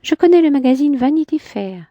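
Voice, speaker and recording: A woman's voice: lively intonation, brisk, warm tone, no echo, muffled recording. Woman doing a haughty, condescending lady. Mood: probing. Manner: raised pitch, pointed questioning tone. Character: haughty sharp-tongued woman, condescending and provocative. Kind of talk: reading a novel aloud, voicing a character.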